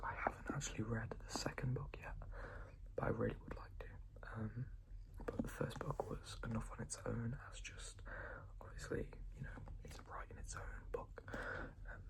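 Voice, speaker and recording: A person in a whispered role-play as a librarian recommending books, speaking in a soft, breathy, reassuring library whisper with some creak. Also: medium pitch, steady tone, fairly quick, low-quality recording.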